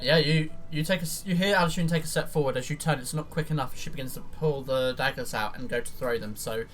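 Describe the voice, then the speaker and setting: A man acting as game master, narrating and refereeing a tabletop roleplaying game in a halting way, rephrasing as he goes. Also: mid-range voice, fairly bright tone, slight background noise. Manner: halting, often rephrasing mid-sentence.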